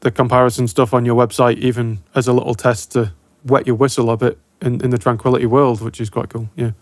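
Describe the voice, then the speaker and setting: A man's voice: mid-range voice, little pitch movement, fast talker, dry recording. A man co-hosting a podcast in a casual, conversational style. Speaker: podcast co-host.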